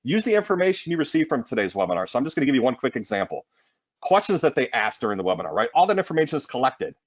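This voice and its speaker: A man presenting a marketing webinar in an energetic sales pitch, often tossing in "right?". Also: very fast, dry recording, lo-fi sound.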